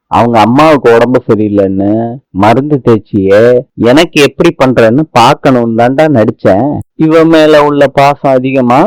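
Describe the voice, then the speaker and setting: A man's voice: mid-range voice, no room sound, close to an everyday voice, low-quality recording. A boastful old grandmother who teases her grandson and scolds him fondly, read by a man in his everyday voice. Her manner is playful and bossy. The sound is dry and close, with no room around it.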